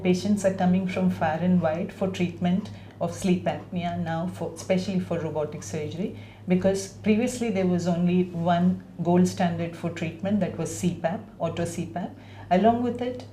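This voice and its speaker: A woman's voice: lowish voice, dark tone, slight background noise. A woman doctor explaining a patient's treatment to camera in a clinical, explanatory way. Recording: echoey room.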